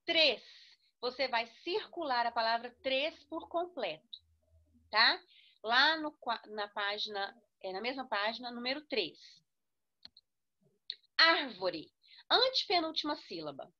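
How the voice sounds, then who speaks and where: A woman's voice: on the high side, lively intonation, takes it slowly, lo-fi sound. A woman with a Brazilian Portuguese accent teaching a grammar lesson, stressing syllables and checking in with students often. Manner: instructive, with frequent check-ins and spelled-out syllables.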